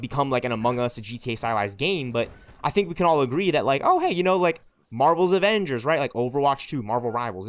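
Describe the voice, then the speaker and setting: In a mid-range voice with a bit of brightness, a man in his twenties chats with his livestream viewers while playing a game. He rambles with passion and keeps adding "right?" and "you know what I'm saying?".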